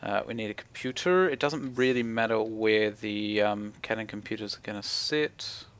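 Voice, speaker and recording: A smooth, steady, fairly bright voice on the low side, at normal speed, belongs to a young gaming video creator with a broad New Zealand accent. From an indoor room at home, he reasons aloud over his gameplay, relaxed and slangy with mumbled asides.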